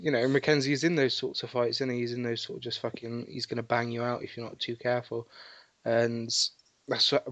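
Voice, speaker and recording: A man discussing sport casually as a podcast panellist, explaining his views in a measured way with some swearing. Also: mid-range voice, no echo, dull audio.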